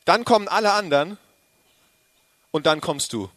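Man, preacher, sermon, lively and joking, speaks to the congregation directly, slightly high voice, dry close sound. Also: moderate pace, no echo.

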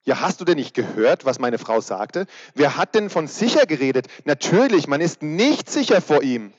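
A man's voice: on the high side, sing-song, moderate pace, husky. Guy reading out a storybook beaver, insistent, long echo and kinda dull sound. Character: gruff male talking beaver, storybook. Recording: reverberant hall, dull sound.

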